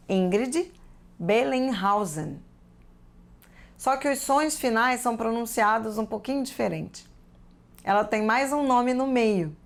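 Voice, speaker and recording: A woman with a Brazilian Portuguese accent teaching a TV lesson for children, carefully asking the class many questions. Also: a little high.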